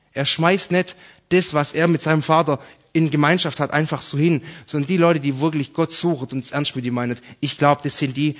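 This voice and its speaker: A man's voice: fairly high pitch, muffled recording. A man preaching a sermon, explaining Bible verses to his congregation in a conversational way.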